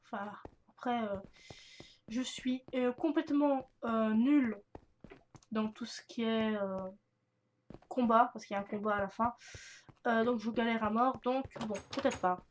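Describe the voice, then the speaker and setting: A woman's voice: fairly high pitch, measured pace, pauses often, a little hiss or hum. A young woman chatting casually through a gaming video, rambling with many fillers and restarts. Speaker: gaming youtuber. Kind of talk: casual let's-play commentary.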